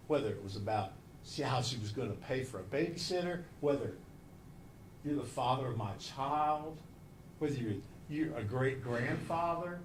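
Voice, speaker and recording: Male prosecutor, passionate closing argument, emphatic and widely inflected, in a roomy space with faint noise. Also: medium pitch. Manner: passionate, emphatic, repeating phrases for effect. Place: large indoor courtroom. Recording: roomy courtroom echo, faint background noise.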